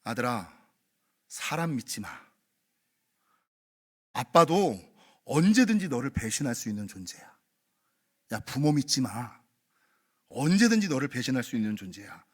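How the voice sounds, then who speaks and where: A man's voice: mid-range voice, big pitch swings, a little slow, pauses often, breathy edge, pitched below the performer's own voice. A man voicing a stern father who bluntly warns his son. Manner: firm, blunt.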